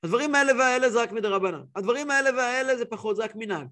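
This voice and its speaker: A man in his thirties, a rabbi telling a story in a weekly religious class with lively voiced quotes. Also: very high voice. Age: 30s.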